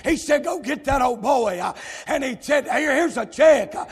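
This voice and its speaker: Gravelly Southern US preacher in a big church hall. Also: male voice, extremely high pitch, expressive, moderate pace, faint music behind. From South Carolina, US. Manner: fiery preaching that builds to shouting, folksy. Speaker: pastor. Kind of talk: sermon. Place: large church sanctuary. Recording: long church hall reverb.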